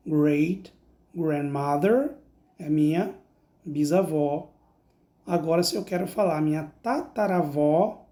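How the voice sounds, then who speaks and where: A woman with a Brazilian Portuguese accent teaching English vocabulary, saying each word slowly and repeating it before translating. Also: deep voice, dark tone. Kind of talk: slow explanatory lesson.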